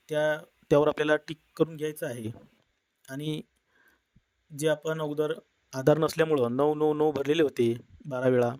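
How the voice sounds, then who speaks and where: Man explaining software steps, dry sound. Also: on the high side, no room sound. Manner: step-by-step instructional explaining. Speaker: tutorial presenter. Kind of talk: screen-recorded software tutorial.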